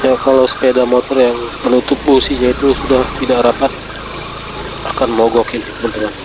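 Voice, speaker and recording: A male vlogger with a mid-range voice and a cold-stuffed nose narrates a casual travel vlog as he moves along flooded city streets, talking a little fast in a level tone. He's chatty and keeps calling his viewers "friends," with outdoor traffic noise all around.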